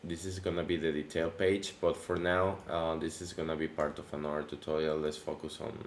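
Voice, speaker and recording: A man with a very low voice, deepened by allergies, briskly talks through a casual screen-recorded coding tutorial. He is relaxed and chatty, full of small fillers and restarts, and he sounds like he's in an echoey room with a faint hiss behind him.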